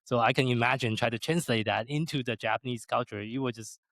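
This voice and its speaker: A man's voice: mid-range voice, fast talker, a bit bright, no echo. Podcast host, man from Taiwan, medium voice, friendly interviewer nods along. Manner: asks questions, frequent backchannel "okay" and "mm-hmm". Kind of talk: conversational interview.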